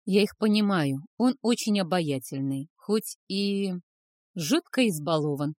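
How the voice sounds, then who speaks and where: A woman's voice: on the low side, animated, measured pace, darkish tone, dry recording, studio quality. A woman reading aloud voices a young, timid maid who speaks hesitantly and a little pleadingly. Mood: anxious.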